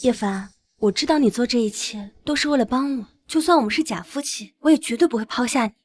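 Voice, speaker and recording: Woman playing an earnest young heiress, loyal, pleading, high voice. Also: fast, darkish tone, natural voice.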